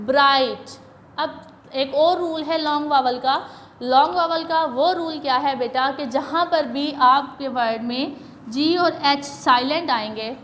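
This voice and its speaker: Patient high-voiced woman teaching English reading. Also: a bit bright, a little hiss or hum. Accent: Pakistani. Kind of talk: classroom reading lesson.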